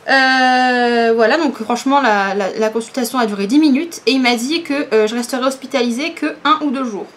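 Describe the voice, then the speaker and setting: A woman vlogger chatting casually to camera in a hesitant way with drawn-out fillers, an electric fan running nearby. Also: on the high side. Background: electric fan running right beside her.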